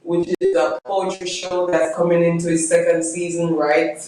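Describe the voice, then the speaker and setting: A woman's voice: on the low side, big pitch swings. A woman who hosts a radio morning show, talking as a guest in a bubbly, playful way. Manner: bubbly, playful, quick to laugh. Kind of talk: upbeat guest interview. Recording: echoey room, distant mic.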